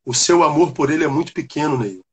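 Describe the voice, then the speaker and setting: A man voicing a gentle old bearded stranger. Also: fairly high pitch, fast talker, breathy edge. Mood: consoling.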